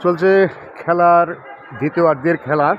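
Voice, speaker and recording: Halting Bangladeshi man reporting amid a crowd. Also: on the high side, fairly even intonation. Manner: halting phrases with frequent hesitations. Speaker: match reporter. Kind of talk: live football match reporting. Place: outdoor school football field. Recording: muffled outdoor recording with crowd noise.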